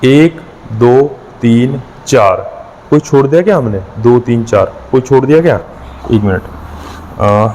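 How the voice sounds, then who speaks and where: A man's voice: mid-range voice, unhurried, darkish tone, long reverb tail, slight background noise, rough recording. Man teaching exam maths, counting aloud. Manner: explains step by step, counting aloud with frequent checks. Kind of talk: exam-prep lesson.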